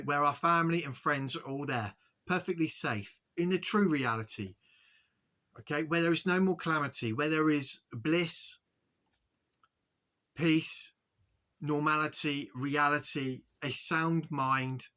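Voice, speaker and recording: A man with a bright, slightly high voice delivers an earnest spiritual monologue straight to his viewers. He talks in halting bursts, restarts and stumbles over his words, and keeps checking in with a quick "okay?". The delivery stays solemn and insistent throughout. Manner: earnest, repetitive, frequent "okay?" check-ins. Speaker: spiritual video host.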